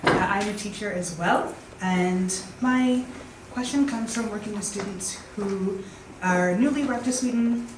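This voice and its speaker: Audience questioner, woman, earnest, noisy roomy recording. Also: medium pitch. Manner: earnest, hesitant with "uh" pauses. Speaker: audience member asking a question. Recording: echoey hall, distant mic, clear background noise.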